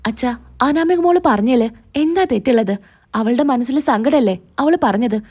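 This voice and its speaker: A woman's voice: on the high side, moderate pace, darkish tone. A woman narrating a recap of a TV serial episode, reading out every character's lines in her own plain storytelling voice.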